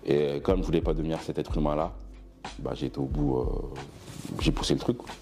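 A man in his thirties with Benin roots, giving a relaxed guest interview in a studio, hesitant with many fillers and restarts. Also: very deep voice, quick pace, gravelly, noisy background. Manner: gestures broadly while seated. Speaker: brand founder, guest. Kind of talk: casual interview talk. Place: studio room with clothing racks, indoors.

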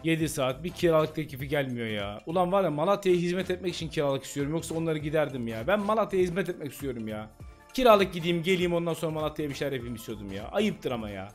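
A man's voice: fairly high pitch, expressive, quick pace, soft background music. A young man giving casual, exasperated commentary while playing a football game, ranting at his coach. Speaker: gaming YouTuber.

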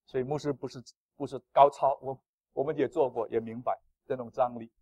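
A male pastor preaching a sermon in an animated, playful way, with self-deprecating humor. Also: medium pitch, a little fast, no room sound.

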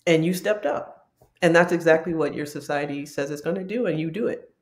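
A woman's voice: sits low, a little fast. A woman in her fifties, a doctor and weight-loss coach, speaking heartfelt and laughing easily as a guest. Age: 50s. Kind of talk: livestream conversation.

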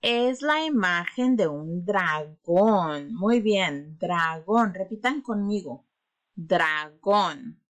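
Woman teacher doing phonics w/ little kids, super slow, stretches every syllable, gets them to repeat back. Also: medium pitch. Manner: slow, drawn-out syllables, coaxing children to repeat. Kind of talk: phonics lesson for children.

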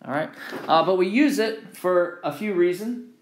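This man's voice is high-pitched, and he talks at a moderate pace. He is an engineering instructor delivering an informal lecture with handwritten notes, stressing key phrases by repeating them and frequently asking "right?".

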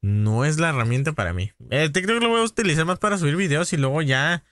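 A man's voice: on the high side, animated, a bit bright, no echo. Mexican man hosting a gaming stream. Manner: chummy, calls viewers "padrino", rapid greetings. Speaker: gaming livestream host. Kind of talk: casual live-stream chat.

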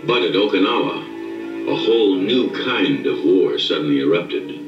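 A man's voice: low-pitched, expressive, normal speed, recorded from a distance. A man reading a scripted, dramatic documentary narration. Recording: muffled, echoey re-recording of a TV. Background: loud music.

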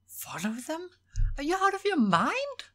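A man's voice: very high-pitched, huge pitch swings, a little slow, fairly bright tone, pitched above the performer's own voice, exaggerated voice. A man reading an audiobook, voicing a stubborn young male warrior apprentice who protests in disbelief. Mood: incredulous. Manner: incredulous, protesting.

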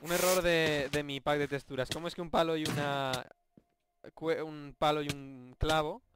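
A young man from Spain with a Spanish accent, giving jokey, excitable commentary over a Minecraft let's play, yelping and shouting when surprised. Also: a little high, normal speed, background noise. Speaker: gaming YouTuber. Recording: game music playing behind. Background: game music.

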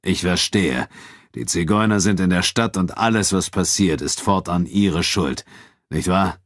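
A man reading an audiobook and voicing a scornful, gruff male leader of a travelling troupe who growls his replies. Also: sits low, measured pace, no echo, clean studio sound.

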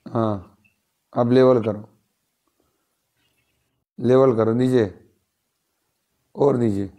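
A man's voice: medium pitch, steady tone, drawn-out words, mellow. A man vlogging casually, giving repeated bossy directions for a phone photo.

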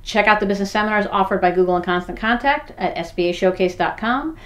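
A woman in her forties promoting a business event to the camera in an upbeat, brisk way, listing the details. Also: mid-range voice, a bit bright. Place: in front of backdrop.

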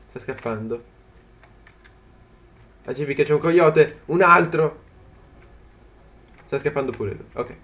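A man giving casual commentary as he plays a video game, chatty and quick to yelp in surprise. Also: fairly high pitch. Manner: chatty, jumps to startled yelps at the game. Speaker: gaming channel host. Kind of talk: let's play commentary.

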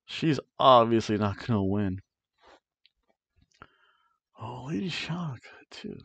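Wearing a headset mic in a small room at home, a middle-aged wrestling reviewer chats loosely to camera about his predictions, rolling the R's in names and humming dramatic themes. His mid-range voice is gravelly, a bit bright, animated, and slow. The recording is dry, dull, and lo-fi.

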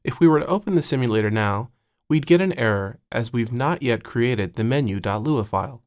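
A man instructing in a step-by-step screencast, speaking in a measured way and dictating code piece by piece into a close mic. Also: mid-range voice, lively intonation, a little mellow. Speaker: tutorial instructor.

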